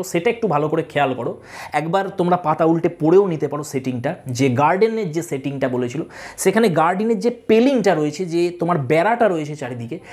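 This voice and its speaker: A woman tutor explaining a play line by line, reading each English line slowly and then explaining it. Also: on the low side, a little mellow.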